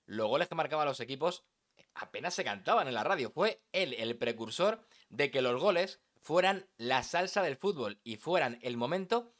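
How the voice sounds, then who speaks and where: In an instructional voice-over lesson on sports narration, a man with a slightly high, fairly bright voice speaks emphatically and dramatically, addressing the listener directly.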